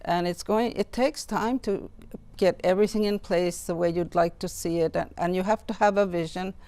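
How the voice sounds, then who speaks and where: An older interview guest from Nunavut in Canada, reflecting in a halting, thoughtful way with pauses and repeated words. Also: medium pitch, steady tone, darkish tone, smooth.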